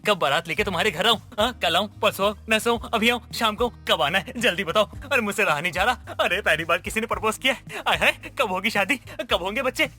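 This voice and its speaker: A voice actor playing an excitable, goofy young man who sells dhokla in an animated story, talking in comic, over-the-top bursts. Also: medium pitch, fast talker, few pauses, soft background music. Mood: giddy.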